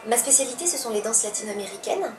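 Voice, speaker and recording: Speaking fast with lively intonation, this young adult woman from Italy has a voice on the high side. She's a professional dancer being interviewed, answering haltingly with lots of fillers and restarts, recorded on a distant, roomy mic with background noise.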